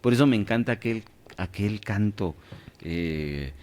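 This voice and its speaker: A man's voice: lowish voice, lively intonation, a little slow, darkish tone. A man leading a radio Bible class, quizzing his listeners and checking in often to see that they follow. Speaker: Bible study teacher.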